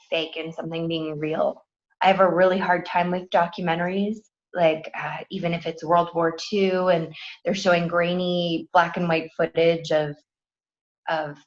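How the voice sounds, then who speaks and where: Halting woman guest, slightly low voice. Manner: halting, many fillers and sighs. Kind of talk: emotional interview conversation. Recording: dull lo-fi remote audio.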